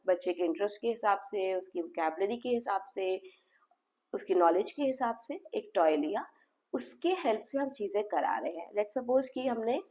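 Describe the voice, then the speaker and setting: A woman's voice: medium pitch, warm tone. Woman speech therapist explaining to parents. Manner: mixes English phrases into the talk, acts out the therapy dialogue.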